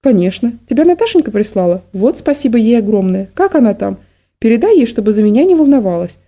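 A woman reading an audiobook voices a frail, confused old woman in a nursing home who rambles and then turns shrill and accusing; her voice is mellow. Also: very animated, quick pace. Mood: confused, cheerful.

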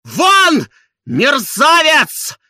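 A man voicing a normally gentle man driven to fury in an audiobook, shouting strained, drawn-out commands. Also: extremely high pitch, huge pitch swings, no room sound, studio quality, voice pushed up, full character voice. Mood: furious. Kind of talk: audiobook character reading.

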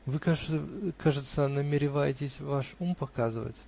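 A man's voice: fairly high pitch, moderate pace, gravelly, dark tone. A man voicing an insolent young male official who needles and mocks with heat. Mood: needling.

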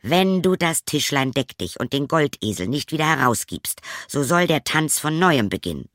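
A man's voice: on the low side, very animated, a little slow, fairly bright tone, no echo, exaggerated voice. A man voicing a bold, proud young craftsman in a fairy tale, speaking raised and emphatic. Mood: stern.

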